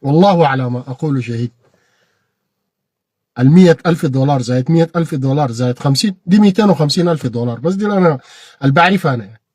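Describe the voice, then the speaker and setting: A man with a Sudanese Arabic accent giving an impassioned political monologue, repeating phrases and bursting into shouted peaks. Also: on the high side, very fast, breathy edge, no room sound, clean studio sound. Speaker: political commentator.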